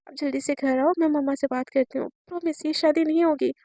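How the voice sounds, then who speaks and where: A woman voicing a caring older sister who talks gently and reassuringly. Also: high voice, steady tone, quick pace, dry recording, clean studio sound. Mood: soothing.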